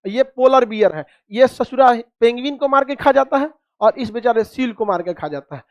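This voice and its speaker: A man's voice: very high-pitched, expressive, moderate pace, no echo, dull audio. A man teaching a class, quizzing students with repeated questions and cracking jokes. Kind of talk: classroom lecture with call-and-response.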